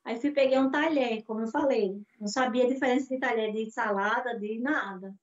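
Brazilian woman guest, high voice, lively storyteller, Brazilian Portuguese accent, muffled video-call sound. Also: brisk. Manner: animated storyteller acting out dialogue. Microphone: video call mic. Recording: dull lo-fi call audio.

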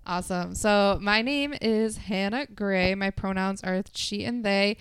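A woman's voice: medium pitch, a little slow, smooth, dry recording. Upbeat woman podcast host. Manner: upbeat, chatty, with fillers. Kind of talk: casual podcast chat.

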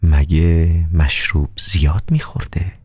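A man voicing a calm, polite male doctor who asks slow, soft, half-whispered questions. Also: low-pitched, creaky, breathy edge, dry recording, studio quality, heavily acted.

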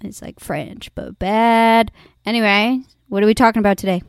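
Young woman podcast host, smooth clear voice, chatty and rambling, dry sound. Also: medium pitch, steady tone, moderate pace, no room sound. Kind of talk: casual chat.

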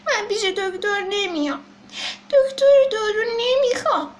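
A woman's voice: extremely high pitch, sing-song, pitched above the performer's own voice. A woman voicing a tearful six-year-old boy elephant who whines and cries, recorded in a roomy space. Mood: whiny. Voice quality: whiny, tearful. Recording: roomy echo.

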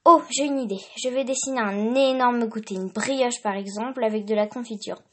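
A woman voicing an eager, excitable little girl in a storybook reading. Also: on the high side, a little fast, natural voice.

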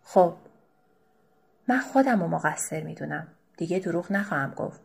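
Weary middle-aged husband, evasive, apologetic, breathy husky tone, low defensive replies, woman reading the part, audiobook. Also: close to an everyday voice.

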